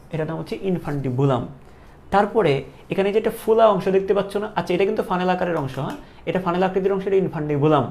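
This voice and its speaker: A man's voice: high-pitched, creaky, a little mellow, slight background noise. A male teacher giving a classroom lecture, asking questions and repeating each answer to drill the terms.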